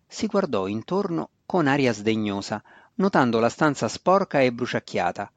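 A man's voice: mid-range voice, sing-song, moderate pace, no echo. A man narrating a fantasy novel as a reader. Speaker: audiobook narrator. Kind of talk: scripted narration. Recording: dry, dull lo-fi recording.

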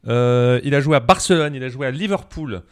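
A man's voice: mid-range voice, a little fast. A man co-hosting a casual chat, blunt and teasing, dropping jokey swear words. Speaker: podcast co-host.

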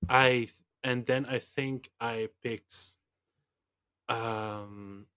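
Podcast co-host who rambles into self-mocking tangents at an average pitch. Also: male voice, fairly even intonation, drawn-out words, sharp tone, clean tone. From Netherlands. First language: Dutch. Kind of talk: casual chat.

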